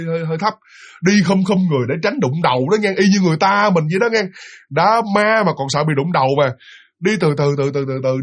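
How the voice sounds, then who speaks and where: A man telling a ghost story in a casual, lively way, acting out voices and sounds. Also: high-pitched, slightly rough.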